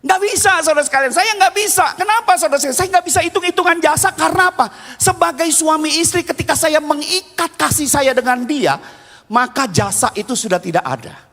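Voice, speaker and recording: High-voiced pastor in a church hall. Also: male voice, fairly quick, faint music behind. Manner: animated storytelling, swings between loud and hushed. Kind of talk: sermon. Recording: long reverb of a church hall.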